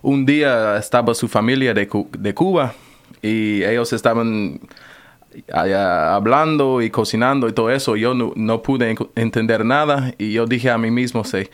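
A man's voice: mid-range voice, moderate pace. An American man whose first language is English, answering interview questions in careful learner's Spanish, with frequent stops and restarts. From United States. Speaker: radio guest.

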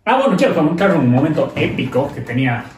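Un hombre joven con acento ecuatoriano narra recuerdos de colegio con voz algo aguda y un estilo relajado y expresivo. La grabación suena distante, con eco de habitación y un ligero ruido ambiental. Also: male voice, a little high, quick pace. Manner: lively, relaxed storyteller, imitates sounds. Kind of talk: casual chat, storytelling. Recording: roomy echo, distant mic, faint noise.

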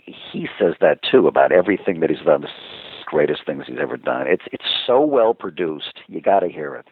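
Lively gravelly man on a tinny line. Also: extremely low pitch, brisk, no room sound. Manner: animated, enthusiastic storyteller. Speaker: voice actor guest. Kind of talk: casual interview chat.

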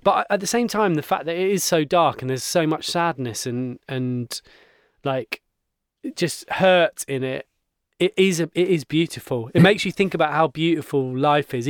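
A man co-hosting a podcast, chatting casually about a film, self-mocking and quick to laugh. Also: fairly high pitch, smooth, dry recording, clean studio sound. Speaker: podcast co-host. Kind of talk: casual film review chat.

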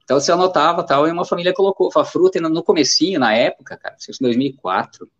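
A man's voice: a little high, very fast, a bit bright. A Brazilian man in his fifties, an amateur runner chatting casually as an interview guest and telling rambling stories. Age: 50s. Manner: rambling, storytelling, many fillers. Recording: dull lo-fi sound.

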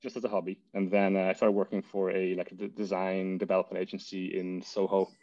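A man's voice: sits low, level tone, fairly quick, dark tone, dry recording, lo-fi sound. A man with a Donegal, west of Ireland accent talking casually as an interview guest, rambling as he thinks aloud. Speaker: interview guest, tech business founder. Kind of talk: casual interview talk about work and life.

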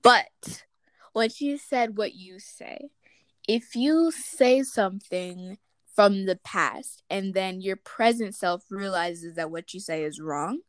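Young woman, podcast co-host, earnest and reflective, medium pitch, dry close recording. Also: no room sound. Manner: earnest, reflective, quick when making a point. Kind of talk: casual chat.

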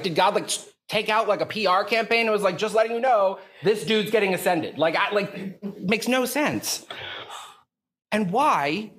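A man preaching a conversational sermon as a priest, casual and chatty, peppering his talk with filler words and swinging up in pitch for emphasis and questions. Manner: animated, rising pitch on questions.

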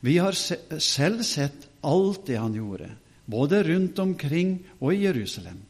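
A man's voice: fairly high pitch, big pitch swings. A man voicing the apostle Peter, giving an earnest, testifying speech. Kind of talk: reading a scripture speech.

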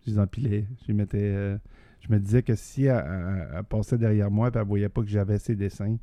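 A man's voice: fairly low pitch, steady tone, fast talker, mellow, no room sound. A middle-aged man with a Québécois accent, chatting casually and rambling with many restarts. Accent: Québécois French. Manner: rambling, many restarts and fillers, laughs often. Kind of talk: casual chat.

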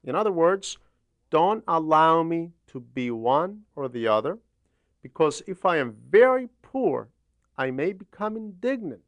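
A homily reader and translator, this man reads a religious homily aloud slowly and without hurry, his voice set slightly high. He's very animated yet deliberate and instructive, splitting sentences into short phrases separated by frequent pauses. The dry, close recording carries almost no room sound.

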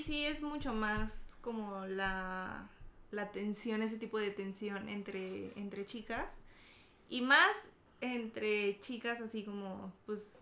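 Bright young Mexican woman, echoey room. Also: mid-range voice. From Mexico City. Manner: chatty, rambling with many fillers. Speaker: podcast co-host. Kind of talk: casual chat.

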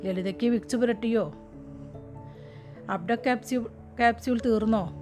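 A woman reading out the lines of a fussy young husband who scolds his wife for her forgetfulness, with sharp, nagging questions. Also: on the high side, normal speed, close to an everyday voice. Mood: scolding. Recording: music playing behind.

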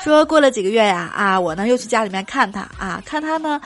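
A young woman performing a stand-up comedy story, animated and trailing her phrases with drawn-out particles. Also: on the high side, music in the background. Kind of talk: comic storytelling monologue.

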